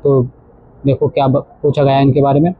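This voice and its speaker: Husky male teacher on tinny audio. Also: mid-range voice, monotone. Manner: explains slowly, repeats words for emphasis. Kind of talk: classroom textbook lesson.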